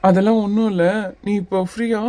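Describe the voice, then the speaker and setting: A woman voicing a calm, teasing young male hero in a cartoon series. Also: mid-range voice, quick pace, close to an everyday voice. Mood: annoyed. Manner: teasing, patient, a little bossy. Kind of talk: Tamil cartoon series voice acting.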